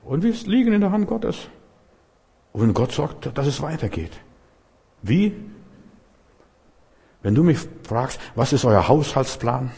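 A man's voice: fairly high pitch, big pitch swings, takes it slowly, creaky, pauses often, mellow, slightly rough. A middle-aged man preaching a sermon, emphatic and conversational, telling stories with colloquial asides. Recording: long reverb in a hall.

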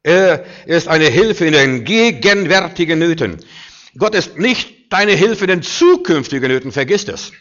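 A man preaching a sermon with emphasis, swinging between loud declarations and quiet, low asides. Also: very animated, unhurried. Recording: dull lo-fi recording.

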